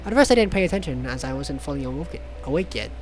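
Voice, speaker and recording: Reading a visual novel aloud for the group's amusement, this irreverent speaker swears, trips over words and drops joking asides. The mid-range voice is animated and quick, with slight background noise and loud music underneath.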